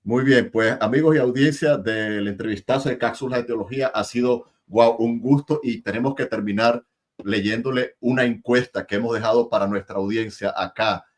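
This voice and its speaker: A male interview host talking over a video call, chatty and quick to laugh, often repeating his words. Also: medium pitch. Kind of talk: casual interview and enthusiastic sign-off.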